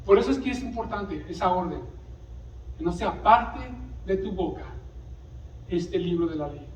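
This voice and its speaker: A man's voice: sits high, expressive, moderate pace, a little hiss or hum. A man preaching a sermon and tossing frequent questions to the congregation. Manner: preaches with call-and-response asides. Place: church sanctuary. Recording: echoey distant church recording.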